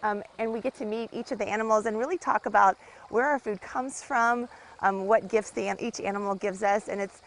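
A woman's voice: mid-range voice, fairly even intonation, fairly quick, slight background noise, rough recording. A woman farm owner interviewed live on a farm, explaining the animals in a cheerful, informative way. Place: outdoors on a farm.

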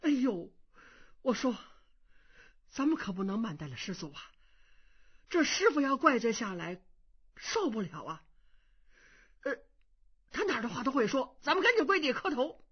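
A woman storyteller voicing a gullible, slow-witted young male monk who speaks meekly and coaxingly. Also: a little high, big pitch swings, husky, lo-fi sound. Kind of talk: traditional Chinese storytelling.

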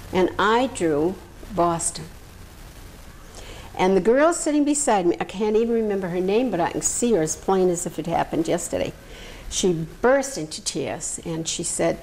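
An elderly woman from Massachusetts, a veteran recalling her service in an oral history interview, telling her stories in a lively way. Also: on the low side, slight background noise, low-quality recording. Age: older. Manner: lively storyteller, acts out quoted voices.

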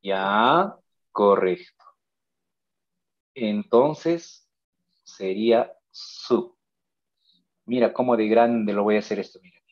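A man's voice: medium pitch, muffled recording. A man teaching a pre-university grammar lesson. He speaks in a coaxing way, repeats his key points and calls the students "nene".

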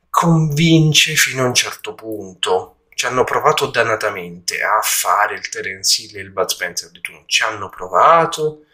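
A man with a fairly low voice reviews a film in an informal way. He talks haltingly, pausing to hunt for the right word. The room around him has a slight echo. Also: sharp tone. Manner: halting, searching for words. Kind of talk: casual spoken film review. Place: indoor room at home during a move.

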